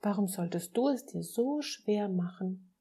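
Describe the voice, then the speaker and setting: A woman's voice: medium pitch, expressive, unhurried, warm tone, slightly rough. A woman voicing a small, childlike soul who is eager and restless in a storybook reading.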